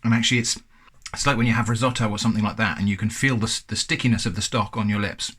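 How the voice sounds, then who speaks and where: A man's voice: fairly low pitch, fairly even intonation, quick pace, a bit bright, husky. An English man hosting a casual food review, chatty and thoughtful with a self-deprecating touch.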